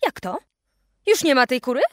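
A woman voicing a brisk, bustling aunt in a storybook reading, quick and puzzled. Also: high-pitched, sing-song, no echo, clean studio sound.

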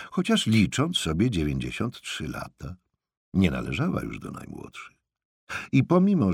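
A man narrating an audiobook novel with expressive storytelling. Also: low voice, creaky, breathy edge, no echo, clean studio sound. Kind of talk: scripted narration.

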